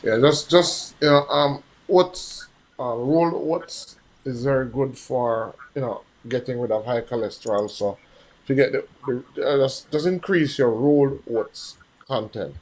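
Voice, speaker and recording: Doctor guy giving tips, kinda halting, medium voice. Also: mid-range voice, rough recording. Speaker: guest doctor. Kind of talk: casual advice.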